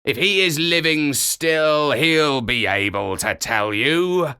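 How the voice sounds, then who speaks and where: Old bull walrus for a storybook , voiced by a man: pompous, drowsy, very slow. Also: a little high, lively intonation, pushed and bright, clear, resonant tone, pitched above the performer's own voice, full character voice. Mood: grumpy.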